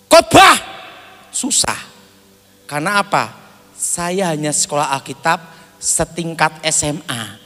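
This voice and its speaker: A man's voice: a little high, measured pace, pauses often. A man preaching a sermon, telling a personal testimony and acting out the dialogue with frequent laughter. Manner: animated storyteller, acts out dialogue, laughs often. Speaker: pastor. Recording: echoey hall with faint music.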